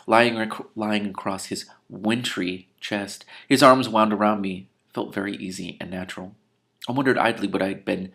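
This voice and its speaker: This man's voice sits on the low side, slightly bright and laced with vocal fry. Reading a novel aloud as host, he keeps breaking off for sarcastic, irreverent, incredulous commentary in a casual way.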